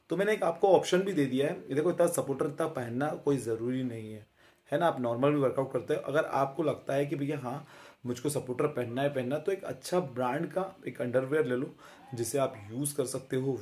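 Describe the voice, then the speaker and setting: With a mid-range, darkish voice, a man in his thirties chats casually to camera about fitness, warm and friendly. He's a fitness vlogger who pauses a lot, using filler sounds and tag questions, and he records on a phone held close in a small room.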